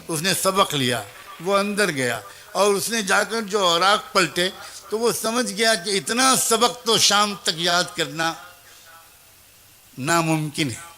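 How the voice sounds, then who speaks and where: A male preacher delivers an emotional sermon in a high, ringing voice. He tells a story with feeling and turns to speak straight to his listeners. His tone is bright and impassioned throughout. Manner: impassioned, addresses audience directly.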